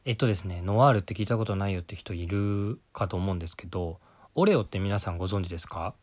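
A man's voice: low-pitched, fast, darkish tone. A man hosting his own casual solo talk show from home, joking and punning between polite set phrases. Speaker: podcast host. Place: at home, right after a bath.

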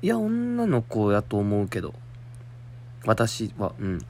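A man's voice: fairly low pitch, huge pitch swings, slow, dark tone, slight background noise. A young man with a Kansai accent, hosting a solo talk show and chatting about a listener's letter in a rambling way. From Shiga, Japan. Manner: chatty, muttering to himself, laughing. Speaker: podcast host.

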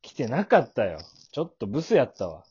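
A man co-hosting a casual podcast chat, scolding his partner in mock anger with sudden shouted jabs. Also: medium pitch, huge pitch swings, a little fast, husky, highs cut off. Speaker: podcast co-host.

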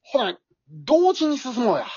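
A woman's voice: sits high, very animated, a little slow, mellow, slightly rough, no echo, heavily acted. Woman playing a timid old Kansai husband. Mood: grumbling. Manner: whiny, easily scared, blurts out. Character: timid grumbling elderly husband. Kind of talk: amateur radio drama. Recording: dull dry lo-fi recording.

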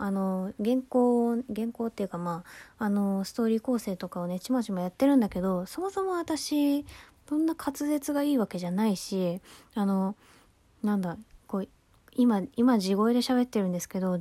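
A woman's voice: medium pitch, darkish tone, no room sound. A young woman hosting her own podcast, chatting casually, rambling, laughing often and poking fun at herself. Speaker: podcast host. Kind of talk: casual solo chat.

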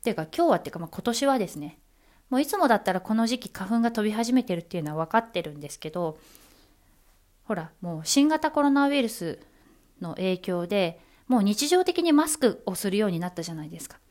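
A woman announcer hosts her own solo talk show. She chats in a relaxed, playful way, with many small fillers and asides. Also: mid-range voice, quick pace. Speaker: announcer and podcast host.

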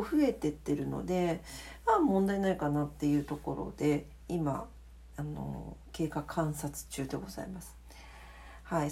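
Lively, low-pitched woman chatting late at night. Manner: polite, chatty, self-deprecating. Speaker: solo audio diary host, radio-DJ style greeting. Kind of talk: casual late-night solo chat.

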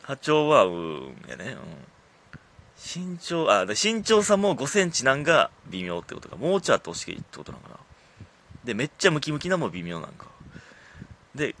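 A man's voice: mid-range voice, wildly swooping pitch, fairly quick, fairly bright tone. A man with a Kansai accent, a comedian chatting casually on his own talk show, self-deprecating and laughing often at his own stories. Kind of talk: casual solo radio talk.

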